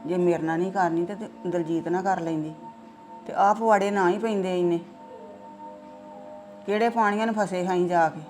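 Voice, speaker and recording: A woman's voice: on the low side, fairly even intonation, a little fast, long pauses, a little mellow, faint music behind, close to an everyday voice. A middle-aged woman playing a stern mother who lectures her daughter in a family drama. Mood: reproachful. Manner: lecturing, reproachful.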